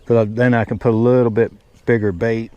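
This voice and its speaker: A man's voice: mid-range voice, level tone, fairly quick, smooth, no room sound, lo-fi sound. A man chatting casually and folksily while fishing outdoors from a boat. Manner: folksy, colloquial. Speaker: angler hosting a fishing vlog. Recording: noisy outdoor recording.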